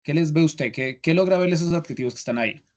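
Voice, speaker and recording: Man, young adult, instructor, patient, repeats steps, asks "listo", slightly raised pitch. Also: quick pace, a little mellow. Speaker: English instructor. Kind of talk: online class explanation.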